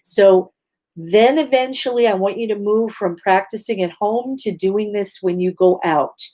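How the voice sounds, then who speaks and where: A woman speaking earnestly through a face mask, giving emphatic, measured advice straight to her listeners in an instructional talk. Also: medium pitch, dark tone. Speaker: host giving mental health advice.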